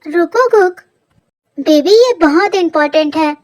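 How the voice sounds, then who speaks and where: Brief: reader plays stern rich young man, curt and scolding, high slow delivery. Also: animated, darkish tone. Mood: bossy. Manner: bossy, scolding. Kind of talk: fan audio story.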